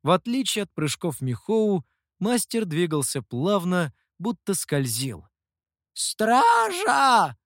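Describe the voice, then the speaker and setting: Brief: male audiobook narrator, expressive, slightly high voice, lively delivery. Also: a little slow, no room sound, studio quality.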